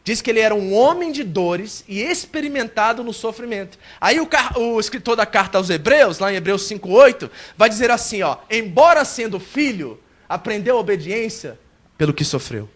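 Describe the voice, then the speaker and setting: A male pastor preaching a sermon at a church service, animated and acting out a believer's complaints. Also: high-pitched, normal speed.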